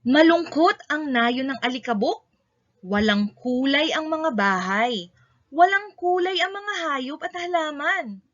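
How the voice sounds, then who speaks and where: A Filipino woman takes her time reading a children's story expressively, in a high and very bright voice, with brief, emphatic sentences. The recording comes across somewhat dull and low-fidelity.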